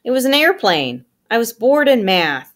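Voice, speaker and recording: A woman reading aloud and voicing a chatty, goofy teenage boy who is quick to protest. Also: a little high, big pitch swings, fairly bright tone, voice pushed up. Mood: playful.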